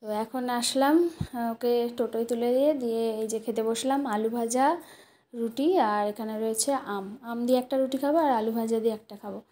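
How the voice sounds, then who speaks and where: A woman's voice: a little high, fairly even intonation, fairly quick, mellow. A young woman with a Bengali accent chatting casually to her viewers about her day. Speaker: vlogger. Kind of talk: casual vlog narration.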